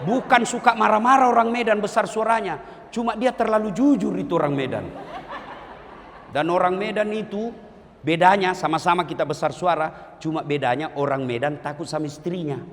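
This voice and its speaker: Pria penceramah dari Sulawesi Selatan, berlogat Sulawesi Selatan, suaranya nyaring dan tajam. Ia jenaka dan kadang berseru lantang, dengan gema panjang dari pengeras suara di acara besar. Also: male voice, high voice, a little fast, a little hiss or hum. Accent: South Sulawesi Indonesian. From South Sulawesi, Indonesia. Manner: joking, rising to loud emphatic bursts. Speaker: preacher. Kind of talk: humorous sermon to a large crowd. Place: large public religious gathering. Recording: long reverb from a large venue.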